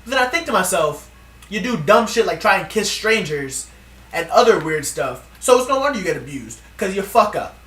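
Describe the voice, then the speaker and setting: Animated man ranting in an echoey room. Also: high-pitched, moderate pace, recorded from a distance. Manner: animated, profane, ranting storytelling. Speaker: vlogger. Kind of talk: casual storytime vlog.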